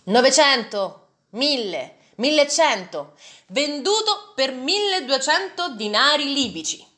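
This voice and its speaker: A woman voicing a corpulent male slave auctioneer who pushes his sale loudly and commandingly. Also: big pitch swings, takes it slowly, full character voice. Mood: brisk. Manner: loud, commanding sales pitch.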